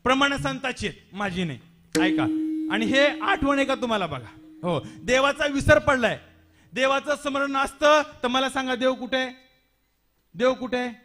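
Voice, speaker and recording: Male kirtan preacher, Marathi accent, very high bright voice, dramatic rhetorical delivery. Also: lively intonation, moderate pace. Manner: dramatic, rhetorical questions, repetitions. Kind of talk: devotional kirtan sermon.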